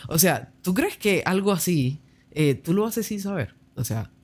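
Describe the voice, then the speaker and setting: A man with a somewhat high voice talks through a theological point in a relaxed, conversational way. He leans on fillers and keeps checking in with his listener. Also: a little slow, breathy edge. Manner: explains with many fillers and tag questions.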